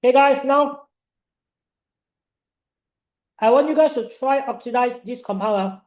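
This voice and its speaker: A young man with a Malaysian accent tutoring online in informal, Singlish-like English full of local particles, animated and encouraging. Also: very high-pitched, a little slow, roomy sound. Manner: animated, encouraging, peppering talk with "right" and "ah". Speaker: chemistry tutor.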